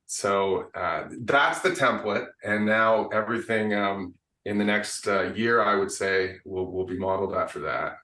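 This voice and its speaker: A man from Canada, a singer-songwriter guest, talking in a thoughtful, unhurried way with frequent pauses and restarts. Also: on the low side, sharp tone. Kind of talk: casual interview chat. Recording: roomy, distant from the mic.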